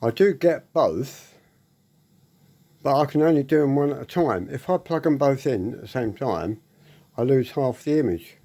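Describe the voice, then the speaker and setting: A man with a mid-range, dark-toned voice demonstrates an audio equipment fault in a casual way. He speaks at a normal speed with lively intonation, going step by step, repeating points and checking in with short tag questions.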